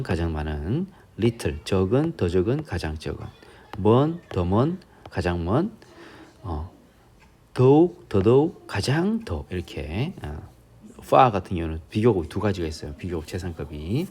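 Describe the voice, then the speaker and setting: A man's voice: on the low side, darkish tone. A male English teacher with a Busan accent, giving a grammar lesson step by step and often checking in with the students.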